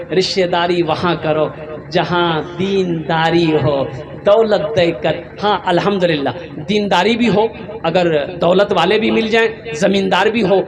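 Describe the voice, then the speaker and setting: At a live gathering where the audience can be heard, an Indian Islamic preacher with a high voice gives a sermon. Moving between fervent, raised passages and hushed storytelling, he repeats phrases for emphasis and answers his own rhetorical questions.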